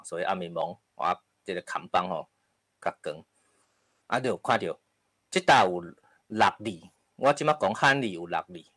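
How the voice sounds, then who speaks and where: A man with a Taiwanese accent gives a patient lecture, checking in with his listeners after nearly every phrase. His voice sits very low, and the sound is close and dry, with no room echo. Now and then he coughs or clears his throat. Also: a bit bright. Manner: explains step by step with frequent tag particles. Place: lecture hall with live audience.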